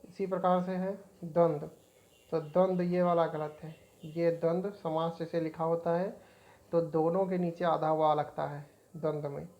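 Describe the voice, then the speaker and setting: Woman teacher going slow through spelling drills, low voice, kinda dull lo-fi sound. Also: flat delivery. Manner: slow, pointing at words on screen, repeating each word. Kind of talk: exam-prep spelling lesson.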